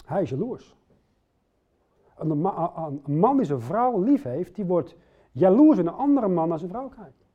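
A middle-aged man delivers a sermon, earnest and direct, often turning to his listeners with questions. His voice sits a little high but sounds mellow and dark. The recording is dull and lo-fi. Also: very animated, measured pace. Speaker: preacher.

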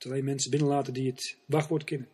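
A man's voice: medium pitch, level tone, fast talker, warm tone, breathy edge, natural voice. A man voicing a stern angel guarding heaven's gate, in a sermon parable. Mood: firm.

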